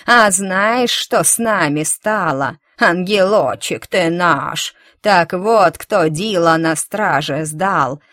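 Woman reader putting on a bitter toothless crone for a storybook, slow and loud, a touch low. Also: no room sound. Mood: scolding. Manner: slow, loud, drawn-out scolding. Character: spiteful toothless old woman flower-seller, bitter.

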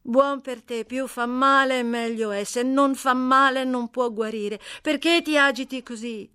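Brief: woman reader playing a blunt, chatty young runaway girl, loud and high, dry booth sound. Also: steady tone, measured pace, clean tone, no room sound. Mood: brash. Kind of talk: audiobook character reading.

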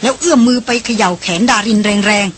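High-voiced woman reading an audiobook. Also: lively intonation, quick pace, a little hiss or hum. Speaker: audiobook reader. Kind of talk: scripted narration.

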